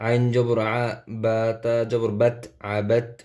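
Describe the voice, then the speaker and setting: A Bengali-speaking man teaching Quran reading, spelling out each letter and vowel slowly and deliberately. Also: mid-range voice, completely flat delivery, warm tone. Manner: slow, deliberate syllable-by-syllable spelling.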